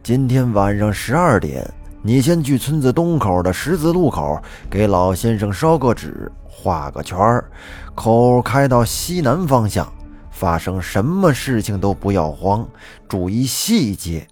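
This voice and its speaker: A man voicing a middle-aged male Taoist feng shui master who speaks in slow, drawn-out pronouncements. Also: on the low side, very animated, darkish tone, soft background music. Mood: solemn.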